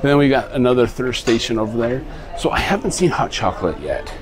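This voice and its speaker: With a mid-range, sing-song voice and a fairly quick delivery, a man gives an easygoing tour of a ship's buffet restaurant indoors. He's a travel vlogger rambling into a handheld camera, and the audio quality is poor.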